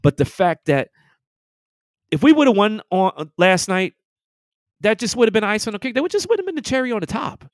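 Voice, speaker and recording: A fired-up male podcast host trash-talks in a lively, swooping voice that sits a bit high for a man. He swears freely and gloats without pause. The sound is dry and close, with no room around it. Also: no room sound. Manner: animated, profane trash talk; gloating, heated. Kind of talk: casual podcast rant.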